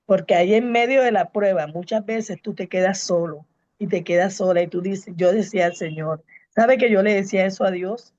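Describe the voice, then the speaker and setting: A woman's voice: medium pitch, moderate pace, a little mellow, no room sound, highs cut off. A woman pastor and evangelist, giving a fervent preaching testimony to a congregation and repeating her key phrases. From Colombia.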